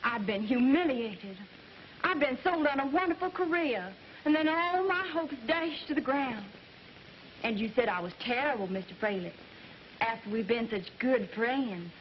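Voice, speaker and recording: A woman's voice: on the high side, lively intonation, moderate pace, slight background noise, natural voice. An actress playing a vain, scheming young woman singer with a Southern American accent, in a 1940s film. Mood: wheedling. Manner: indignant, theatrical. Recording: dull 1940s film soundtrack.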